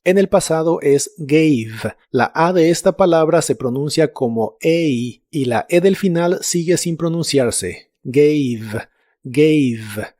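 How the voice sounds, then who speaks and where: Calm man teaching an English lesson. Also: a little high, dry recording, clean studio sound. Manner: slow, even explanation with repeated example words. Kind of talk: scripted language lesson.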